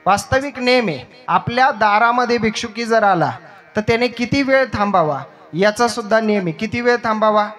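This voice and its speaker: A man's voice: sits high, moderate pace, fairly bright tone. A man telling a devotional story as a kirtan preacher, dramatic and emotive.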